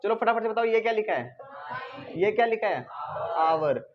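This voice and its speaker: A male teacher running a reading drill for his class, quizzing them with repeated call-and-response questions and coaxing and teasing them to answer louder. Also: high voice, lively intonation, normal speed, noisy background. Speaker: English teacher. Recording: slightly dull lo-fi recording.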